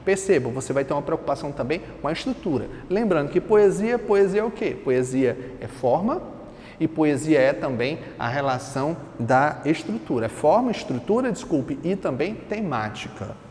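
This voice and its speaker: A Brazilian man with a high voice explains literature in a chatty way, full of rhetorical questions. His voice rings in a reverberant room over a faint background hiss. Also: big pitch swings, normal speed, a little mellow. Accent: Brazilian Portuguese. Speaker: teacher. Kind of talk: literature lesson.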